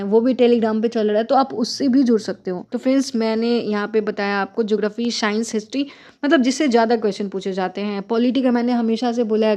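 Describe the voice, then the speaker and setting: A woman's voice: a little high, warm tone. A young woman teaching exam preparation in a casual, direct manner, advising viewers and addressing them as friends. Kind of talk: casual explanatory lesson.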